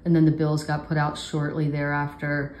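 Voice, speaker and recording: A woman with a low voice asks her questions casually, with plenty of "like" and "um" along the way. She is heard in a roomy space. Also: completely flat delivery, normal speed, a little mellow, slight background noise. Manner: casual, filler-heavy phrasing. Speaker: interviewer.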